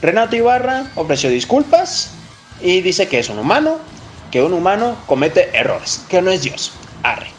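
A man's voice: high voice, very animated, normal speed, faint music behind. A man with a Mexican accent hosting a football show, giving casual, blunt opinions in slangy, emphatic speech.

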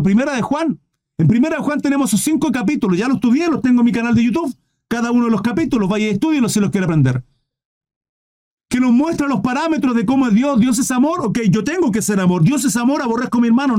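A man's voice: very high voice, expressive, fast talker, a little mellow. A man preaching in a livestreamed Bible study, emphatic, with many rhetorical questions, and he keeps calling his listeners "brother".

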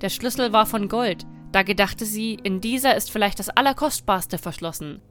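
A woman reading a dark fairy tale aloud in a measured, dramatic storytelling manner. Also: medium pitch, soft background music.

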